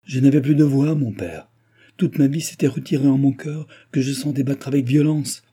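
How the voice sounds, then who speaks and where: A man's voice: mid-range voice, moderate pace, mellow, husky, pitched above the performer's own voice, natural voice. A man voicing an earnest, respectful young officer recounting his story.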